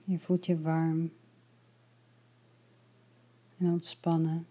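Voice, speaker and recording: A woman leading a guided relaxation, her voice low and mellow. She talks slowly and softly, sometimes dropping to a whisper. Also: completely flat delivery. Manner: slow, soft and soothing, partly whispered.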